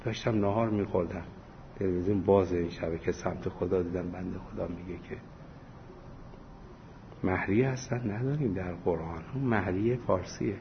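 A man's voice: low-pitched, vocal fry. A man giving a religious lesson, telling anecdotes full of quoted dialogue and small chuckles. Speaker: religious teacher. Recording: dull lo-fi recording with faint hiss.

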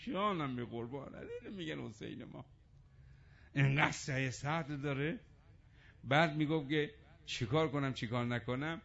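A man preaching a religious sermon, passionately retelling stories, moving between hushed narration and rising chanted calls to the congregation. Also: medium pitch, expressive, gravelly. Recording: dull lo-fi recording.

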